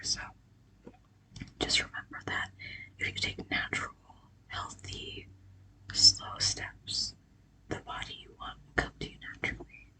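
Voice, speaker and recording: A person giving a whispered ASMR pep talk of affirmations and scripture, breathy, casual and halting, with gentle reassurance. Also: very high voice, rough recording. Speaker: ASMR creator.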